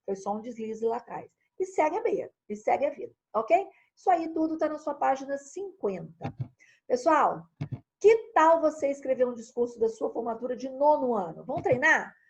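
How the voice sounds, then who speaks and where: A Brazilian woman teaching an online class in a lively, chatty way, speaking straight to her students. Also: high voice, normal speed, dull audio. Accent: Brazilian Portuguese. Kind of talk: recorded online lesson.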